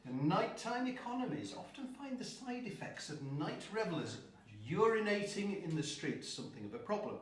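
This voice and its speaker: A man's voice: high-pitched, very animated, normal speed, few pauses. Brief: wry male co-host reading beer news, distant from the mic in an echoey room. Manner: wry, reads out news items with dry jokes. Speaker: brewery live stream co-host. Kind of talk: casual chat and news reading. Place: room with a table and drinks. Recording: roomy sound from far off the mic, faint music.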